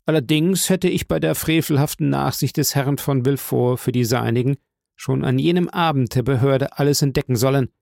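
A man's voice: medium pitch, brisk, creaky, darkish tone, no echo, studio quality, close to an everyday voice. A man voicing a passionate, grief-stricken young man who speaks in fervent, insistent repetitions. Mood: vowing.

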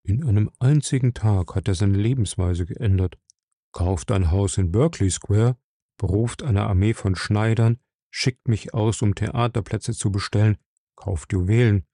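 A timid middle-aged clerk who confides his worries in a hushed, anxious tone, as a male reader voices him. A gravelly low voice, recorded dry and close. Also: measured pace, no echo. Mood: worried.

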